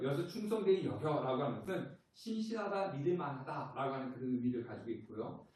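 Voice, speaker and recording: A man's voice: fairly high pitch, a little mellow. A middle-aged man preaching a sermon as pastor, telling stories and acting out his church members. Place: church sanctuary. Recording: echoey church hall from far off.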